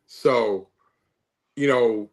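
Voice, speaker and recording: Measured middle-aged man on football. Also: medium pitch. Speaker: sports show co-host. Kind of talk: reflective sports talk.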